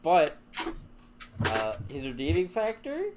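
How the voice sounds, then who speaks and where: A man's voice: a little high, wildly swooping pitch, takes it slowly, background noise. Rambling young man, casual chat. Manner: rambling, laughing, casual swearing. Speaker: host.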